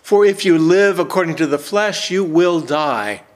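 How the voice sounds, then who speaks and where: A man in his sixties, a pastor, reading scripture and praying in a slow, measured, emphatic way in a church sanctuary. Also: a little high, animated.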